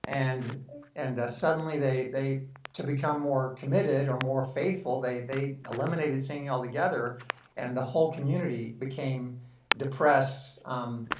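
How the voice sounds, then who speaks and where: A man's voice: medium pitch, steady tone, moderate pace. A man hosting an interview, asking questions in a hesitant way and often repeating words. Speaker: podcast host. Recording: echoey room heard from a distance with faint noise.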